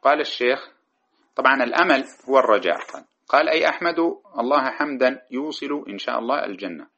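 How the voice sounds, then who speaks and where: A man's voice: medium pitch, quick pace, pushed and bright. A man teaching a classical grammar text as a lecture, explaining it line by line, chanting the verses he cites and correcting himself as he goes. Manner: explains verse by verse, chanting cited poetry lines; corrects himself mid-sentence. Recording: dull lo-fi recording.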